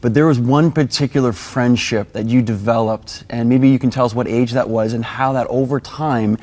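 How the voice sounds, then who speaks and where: Man, interview host, mellow warm tone, eager, affirming. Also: medium pitch, steady tone, moderate pace. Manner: eager, affirming, talks in loose restarts. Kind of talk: studio interview.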